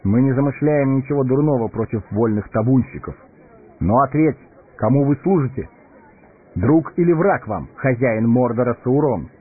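A man's voice: medium pitch, lively intonation, normal speed, breathy edge, pitched above the performer's own voice. A man voicing a noble, brave male warrior heir with a solemn, dignified manner. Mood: stern. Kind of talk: audiobook character voice. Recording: tinny narrow-band recording, faint music.

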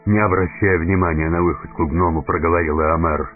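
A man narrating an audiobook fairy tale in a measured storytelling manner. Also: low-pitched, fairly even intonation. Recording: tinny narrow-band recording, faint music.

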